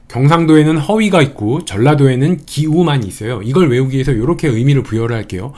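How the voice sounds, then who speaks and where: Mellow-voiced man teaching history. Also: medium pitch. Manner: playful mnemonic wordplay, chatty teaching. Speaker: history lecturer. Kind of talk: exam-prep history lecture.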